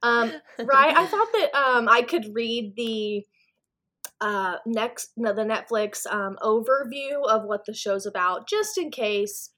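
A woman's voice: fairly high pitch, takes it slowly, bright, forceful tone. A young woman co-hosting a casual podcast, chatty, laughing often and swearing casually. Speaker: podcast co-host.

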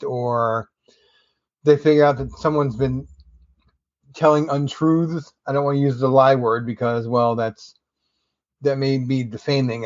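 A man's voice: medium pitch, dry recording, muffled recording. A man hosting a solo podcast, talking in a casual, rambling, conversational way with wry asides. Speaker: podcast host.

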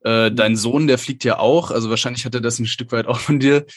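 A man's voice: mid-range voice, steady tone, a little fast. A man hosting an aviation podcast, asking questions in a friendly, chatty way. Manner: friendly, chatty, many fillers. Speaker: podcast host, interviewer. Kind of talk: casual interview chat.

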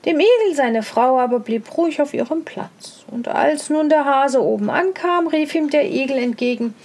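A woman reading a fairy tale aloud as storyteller, in a slow, expressive way. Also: sits high.

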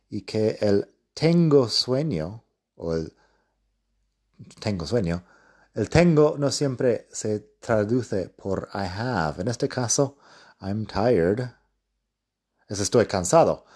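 A man hosting a learning podcast, speaking Spanish with as his language, calmly explaining and repeating example phrases. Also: fairly low pitch. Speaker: podcast host and English teacher. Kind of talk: casual podcast lesson.

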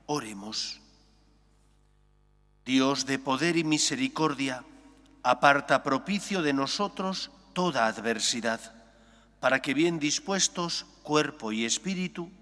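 A priest's voice rings out under a long cathedral echo, the words drawn out slowly and evenly. His tone is bright and forceful, at an ordinary man's pitch. He recites the prayers in the measured cadence of the liturgy. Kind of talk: celebrating Mass. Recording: long echoing church reverb.

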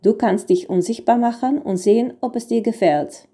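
A woman voicing a slow, grumbling little elf man. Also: on the high side, warm tone, breathy edge. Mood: lecturing. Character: tiny male elf in green, cranky then kindly.

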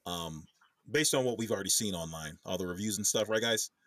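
A man's voice: low-pitched, brisk, fairly bright tone, dry recording. A man co-hosting a casual movie podcast, upbeat and steering the talk along. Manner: upbeat, steers the talk, says dude a lot. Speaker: podcast co-host.

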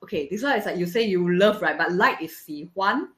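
Lively woman comedian guest. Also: lowish voice, fairly quick, echoey room. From Malaysia. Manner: lively, eager, drills phrases syllable by syllable. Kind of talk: casual podcast interview.

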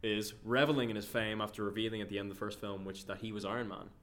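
A man's voice: fairly low pitch, little pitch movement, fast, fairly bright tone. A man co-hosting a casual film review chat, rambling and swearing freely. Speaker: podcast co-host.

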